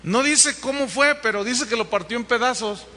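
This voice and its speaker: A man preaching a sermon, animated and asking the congregation questions. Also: very high voice, normal speed, in a large hall. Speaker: pastor.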